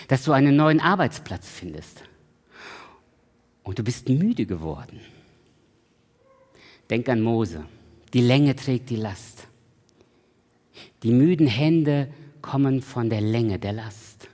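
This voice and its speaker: A man preaching a sermon in a church, swinging from loud emphatic peaks to soft pleading and slowly repeating a refrain. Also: medium pitch. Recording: long hall reverb.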